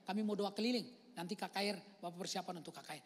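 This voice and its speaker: A male pastor preaching a lively storytelling sermon, swinging from loud outbursts to hushed near-whispers and acting out the voices he quotes. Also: high voice, very fast, breathy edge. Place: church hall. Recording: long reverb of a large church hall.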